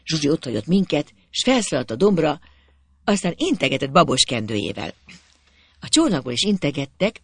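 A reader narrating a literary story in the first person, expressive and melancholy. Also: medium pitch, breathy edge, no room sound.

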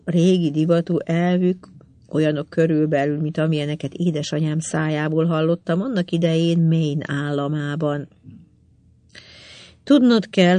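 A man's voice: fairly high pitch, a little mellow, dry recording, close to an everyday voice. A reader voicing a chatty, teasing man who grumbles, as audiobook dialogue in a dry close recording. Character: blunt talkative American man, grumbling.

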